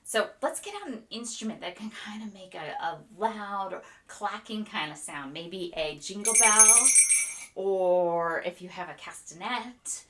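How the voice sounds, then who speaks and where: A woman leading a children's storytime, reading a picture book aloud in a gentle, expressive way and asking the little listeners playful questions. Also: medium pitch, unhurried, very noisy.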